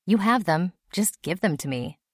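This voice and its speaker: A woman voicing a weary, gruff male company executive who speaks slowly and sternly. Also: expressive, fairly bright tone, dry recording, studio quality, full character voice. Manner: slow, gruff, low delivery.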